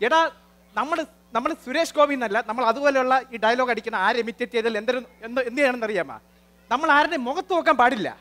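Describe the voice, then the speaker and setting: A man hosting a live comedy show, talking to the audience in a lively, bossy manner and lecturing his sidekick. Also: very high-pitched, quick pace. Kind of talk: live stage comedy and mimicry.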